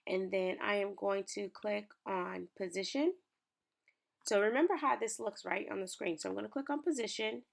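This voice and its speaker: Sharing her screen, a young woman who runs a small business and creates lifestyle content chats cheerfully with viewers through a design tutorial. The early morning has left her medium-pitched, fairly bright voice raspy.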